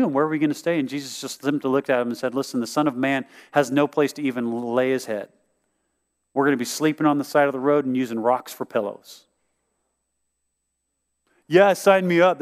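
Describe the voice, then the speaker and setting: A man preaching a sermon, telling the story in a lively way and acting out what people said. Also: medium pitch, in a large hall. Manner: animated storytelling, acts out quotes. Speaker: pastor.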